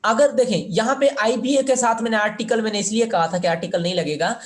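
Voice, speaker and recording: A man's voice: sits high, fairly quick. A man teaching an English grammar lesson, explaining step by step, repeating words and asking students for answers.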